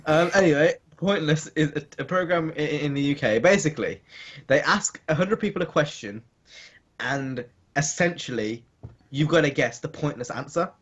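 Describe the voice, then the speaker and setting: A man co-hosting a casual chat podcast, joking and laughing, his pitch jumping into cries. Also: lively intonation, moderate pace, fairly bright tone, breathy edge, highs cut off. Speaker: podcast co-host.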